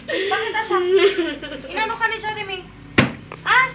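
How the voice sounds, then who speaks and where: High-pitched woman pleading, muffled home video. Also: steady tone, moderate pace, very noisy. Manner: repetitive, pleading, coaxing. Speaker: parent comforting a crying relative. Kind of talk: home video, coaxing questions. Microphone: handheld camera mic.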